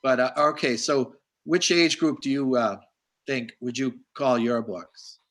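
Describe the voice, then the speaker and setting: A man's voice: medium pitch, measured pace, fairly bright tone. A man hosting a live video-call chat with an author, talking in a rambling, chatty way full of compliments. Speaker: host. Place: home in Boston.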